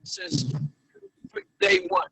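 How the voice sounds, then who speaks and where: A man's voice: very high voice, little pitch movement, extremely slow, gravelly, a bit bright, soft background music, rough recording. A man calling into a talk show on a bad connection that keeps breaking up, rambling and repeating himself. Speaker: caller. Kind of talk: casual chat.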